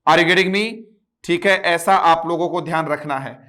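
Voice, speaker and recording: A man with a Rajasthani Hindi accent teaching English grammar, reading example sentences slowly and drilling his students with frequent check-ins. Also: fairly high pitch, steady tone, sharp tone. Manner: drills students, repeats "ठीक है" and "मित्रों". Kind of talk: classroom lesson.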